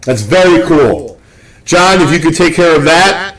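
A young man from the Northeast US hosting a live card-opening stream, rambling and joking with excitement. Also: fairly high pitch, a little slow, low-quality recording. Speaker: card break host.

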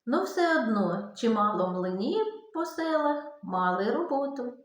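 A woman's voice: fairly high pitch, sing-song, unhurried. Woman teaching children in a very echoey room. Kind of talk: lesson for children.

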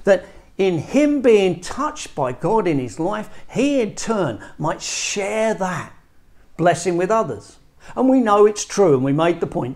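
Earnest middle-aged male pastor, slow sermon. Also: high-pitched, darkish tone. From England. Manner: earnest, emphatic, gestures with both hands. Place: small church room indoors. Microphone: lapel mic.

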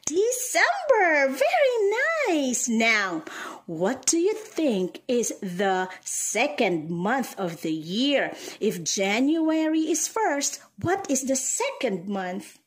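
A woman speaking like a kids show host, teaching young children in an encouraging, sing-song manner with questions and pauses for answers. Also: high-pitched, big pitch swings, breathy edge. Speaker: early-childhood teacher hosting a calendar lesson.

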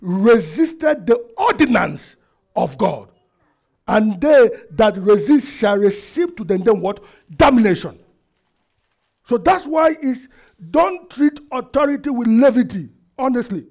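A middle-aged man, preaching a sermon into a headset mic in a church hall, asking the congregation questions and swinging between loud and quiet. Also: extremely high pitch, expressive, takes it slowly, gravelly. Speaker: pastor. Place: church hall with projector screen, indoors.

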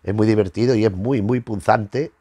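A Spaniard in his fifties, host of a retro comics review show, rambles casually to camera from a small book-lined room in his home, frequently repeating words as he hunts for the right phrasing. His fairly low voice is mellow and slightly rough at a normal pace, and the audio carries no room sound.

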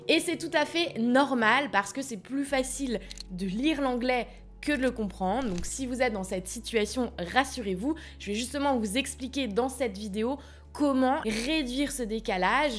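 Upbeat French woman teaching a lesson. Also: fairly high pitch. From France. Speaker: language school founder and teacher. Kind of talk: teaching video, direct to camera.

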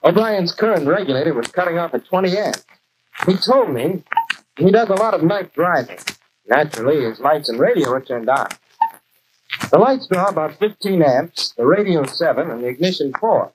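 An American actor playing a keen, plain-spoken young garage mechanic in scripted 1940s training film dialogue. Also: male voice, a little high, lively intonation, moderate pace, close to an everyday voice. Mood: matter-of-fact. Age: young adult. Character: keen young male garage mechanic explaining his work. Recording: noisy 1940s film soundtrack.

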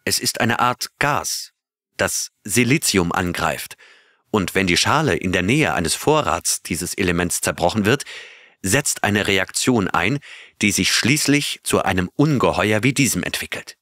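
A man's voice: deep voice, lively intonation, unhurried, pushed and bright, no echo, studio quality, exaggerated voice. A man voicing a male astronaut who tells his crewmates about his adventure, talking earnestly and putting questions to them. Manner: earnest storytelling, asks listeners questions. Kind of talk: audiobook reading of a character's tale.

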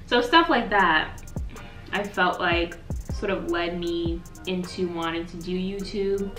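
An American woman in her twenties, a YouTuber, chats while eating on camera from her living room floor near the sofa, filling her talk with "like" and pausing to eat, recorded from afar on a tripod. She speaks slowly in a lowish, pushed, bright voice, with roomy sound and soft background music.

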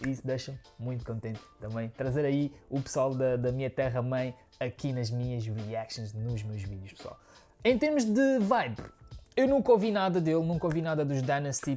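A man in his thirties, born in Angola and raised in Portugal, talks with a European Portuguese accent in a mid-range, darkish voice. He hosts music reactions from a sofa in his living room, rambling casually to viewers and often dropping "né, pessoal".

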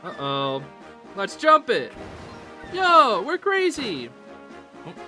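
A young man hosting a game channel, narrating his play in excitable, slangy commentary from a home room at night into a close mic. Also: sits high, slow, faint music behind. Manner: excitable, slangy, bursts into yelling. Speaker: gaming channel host. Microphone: close desk mic.

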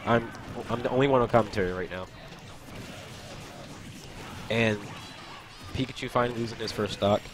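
At a moderate pace and with frequent pauses, a young man in a mid-range voice commentates on a gaming tournament stream. Loud game music and background noise sit behind his loose, laughter-filled chatter as he answers chat between plays.

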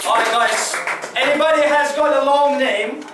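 A man's voice: very high voice, normal speed. A man in his twenties presenting informally as a tour guide to a group, addressing listeners directly. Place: busy wooden-roofed restaurant room with large windows. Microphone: camera among the seated audience, far from speaker. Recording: echoey, distant camera recording with loud background noise.

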